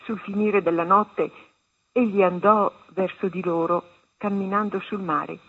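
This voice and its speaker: A woman reading a meditation and a Gospel passage aloud on a religious radio program, in a measured, solemn way. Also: medium pitch, steady tone, husky. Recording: tinny phone-line sound.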